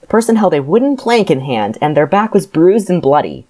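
A woman's voice: fairly low pitch, sing-song, fairly quick, mellow. A woman co-hosting a podcast, recapping a book in a casual, sardonic way with many fillers. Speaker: podcast co-host.

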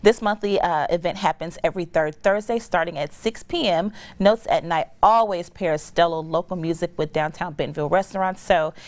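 A woman with a slightly low voice co-hosts a morning TV show. She presents community events brightly and with enthusiasm, in a scripted segment. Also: fairly quick, hardly any pauses.

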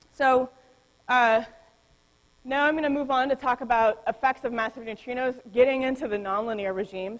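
A woman's voice: medium pitch, big-room sound, rough recording. A woman giving a physics conference lecture, explaining step by step with frequent ums and self-corrections. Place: lecture hall.

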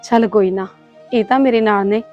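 A woman, playing a young newly married bride who talks softly and anxiously. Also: mid-range voice, fairly even intonation, moderate pace, highs cut off, faint music behind, natural voice. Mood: worried. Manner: soft, pleading and worried. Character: young new bride, anxious and put-upon. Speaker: actor. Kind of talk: village short-film acting.

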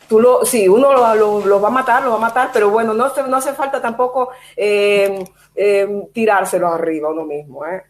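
Cuban woman guest, lively storyteller, mid-pitched, speaking on a video call. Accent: Cuban Spanish. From Cuba. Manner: animated storytelling, quotes herself. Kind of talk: casual chat.

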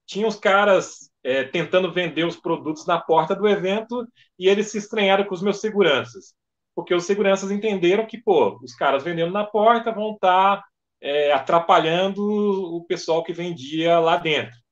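A man, a podcast guest and event organizer, telling stories in lively fashion and acting out dialogue. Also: high-pitched, moderate pace. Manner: animated storyteller acting out dialogue. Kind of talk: casual podcast storytelling. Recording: dull lo-fi podcast audio.

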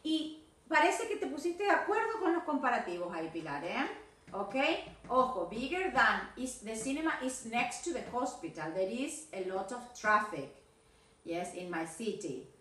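A woman's voice: on the high side, very animated, measured pace, a bit bright, reverberant, distant mic. Argentine woman teacher correcting English. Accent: Argentine Spanish. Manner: switches between Spanish and English, correcting pronunciation and grammar. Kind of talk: video feedback lesson to students.

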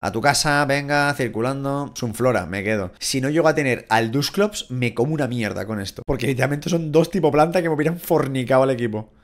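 A young man from Spain with a Spain Spanish accent, giving casual, excitable, crude Let's Play commentary and shouting at the game. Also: medium pitch, a little fast, few pauses. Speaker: gaming YouTuber.

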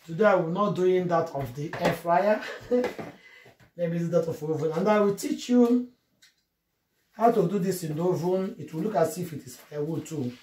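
A woman's voice: on the low side, normal speed, darkish tone. A woman vlogging a cooking tutorial from her home kitchen, chatting through each step to her viewers. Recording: roomy kitchen echo, faint noise.

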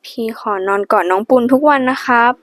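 A woman's voice: fairly high pitch, brisk, fairly bright tone, dry recording, natural voice. A woman voicing a young man who is eager to please and pleads politely in an audiobook. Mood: pleading. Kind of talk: audiobook character voice.

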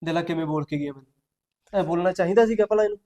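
A man's voice: sits high, dark tone, close to an everyday voice. A young man playing a bossy elder brother who argues insistently and flares with anger, with faint music behind. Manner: insistent, argumentative, quick to anger. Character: bossy, hot-tempered village elder brother.

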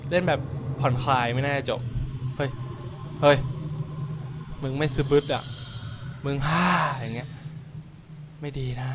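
A man's voice: medium pitch, measured pace, long pauses, background noise. A young man hosting a horror game playthrough, chatting, joking, swearing casually and yelping when startled. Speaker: gaming channel host. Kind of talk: let's play commentary.

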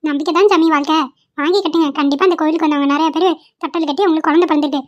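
A woman voicing a kindly old village grandmother in a cartoon, coaxing passers-by in a high, quick voice. The sound is dull and lo-fi. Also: fairly even intonation, close to an everyday voice. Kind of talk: cartoon voice acting.

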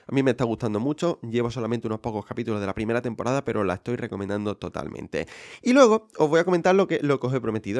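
Chatty young man hosting a podcast. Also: mid-range voice. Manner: chatty, many restarts and fillers. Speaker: podcast host. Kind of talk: casual podcast monologue.

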